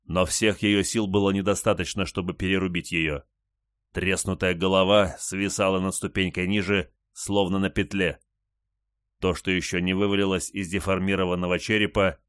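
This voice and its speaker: A man reading an audiobook in an even, measured narration. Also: sits low, smooth, dry recording, clean studio sound. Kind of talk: scripted narration.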